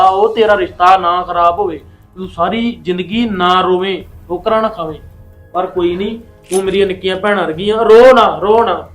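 A man's voice: sits high, fairly bright tone. A man playing a son-in-law in a family drama, insistent and reassuring, repeating himself as he talks. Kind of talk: Punjabi family web drama acting.

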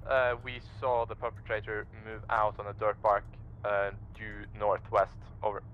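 A man's voice: on the low side, completely flat delivery, normal speed. A man giving clipped military radio calls over a walkie-talkie, with small hesitations. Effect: heard over a walkie-talkie radio. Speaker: squad radio operator. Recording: muffled distant radio with noise.

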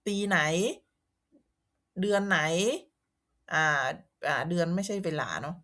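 A woman's voice: fairly low pitch, slow pace, sharp tone. A woman from Thailand teaching a language lesson, explaining vocabulary patiently and repeating words to model how they sound.

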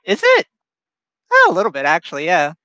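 Young male guest, lively pitch, laid-back chat, dry close sound. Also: fairly quick, dry recording, rough recording. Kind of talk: casual gaming chat.

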